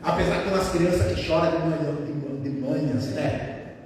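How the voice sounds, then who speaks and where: A man's voice: fairly high pitch, normal speed, a crowd in the background. A male preacher delivering an emphatic sermon, repeating phrases and calling his listeners brothers. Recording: echoey hall, distant mic.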